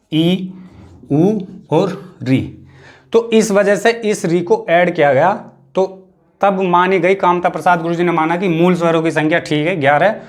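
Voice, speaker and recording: A man with a fairly high voice lectures as a Hindi teacher, in a western Uttar Pradesh accent. He explains patiently, slowing down and repeating each key term so students catch it. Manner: explanatory, repeats key terms, slows for emphasis. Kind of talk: classroom lecture.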